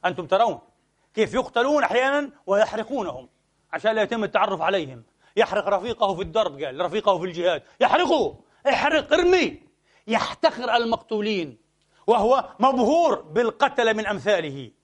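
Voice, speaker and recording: Fervent, fast-talking male preacher. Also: high-pitched, lively intonation. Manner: rhetorical questions to the congregation; fervent, shifting between rapid asides and slow emphatic lines. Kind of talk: Friday sermon.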